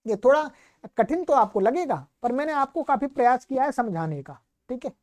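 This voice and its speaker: A woman's voice: high-pitched, sing-song, normal speed, a little mellow. A woman teaching Sanskrit grammar in a recorded lecture, explaining patiently and often asking a question before she answers it herself.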